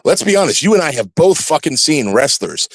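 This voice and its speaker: A man's voice: a little high, brisk, dry recording. A man, a former pro wrestler, talking bluntly and profanely in a casual podcast chat, telling stories about the ring. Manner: profane, blunt storytelling, animated.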